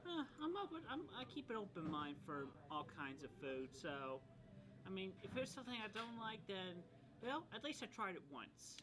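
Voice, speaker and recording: A person chatting casually in a mall restaurant, rambling with halting restarts. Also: medium pitch, big pitch swings, crowd noise, rough recording. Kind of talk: casual chat.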